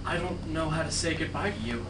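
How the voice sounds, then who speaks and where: A woman's voice: sits low, fairly quick, lightly acted. A woman playing an anxious young man who grieves his dead girlfriend and pleads to hold on to the past, acted live on stage. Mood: sad. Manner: pleading and fretful. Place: small theatre stage. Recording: distant echoey stage recording with noise.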